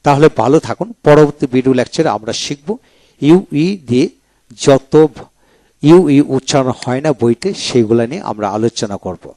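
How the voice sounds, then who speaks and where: A male teacher drills English words one by one, saying each twice in a measured lecture voice. His voice sits at an ordinary middle pitch. The recording is dry and close, with no room sound. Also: mellow, dry recording. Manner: repeats each word slowly and deliberately. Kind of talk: video lecture reading out word lists.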